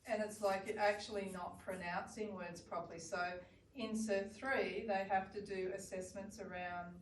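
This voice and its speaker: A woman's voice: mid-range voice, steady tone, moderate pace. An Australian woman who coordinates a language program, explaining in a conversational way. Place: library meeting room. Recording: roomy sound from some distance with faint noise.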